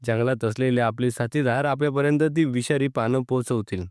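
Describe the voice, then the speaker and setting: A man's voice: mid-range voice, steady tone, brisk, a little mellow, clean tone, no room sound, clean studio sound, lightly acted. A man reading as a confident, resourceful spy.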